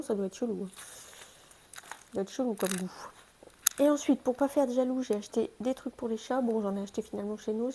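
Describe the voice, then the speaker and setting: Young woman, casual haul vlogger, chatty and self-mocking, warm low-key timbre. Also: gravelly, slight background noise. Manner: chatty, self-mocking, talks to her pets. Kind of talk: casual shopping haul vlog.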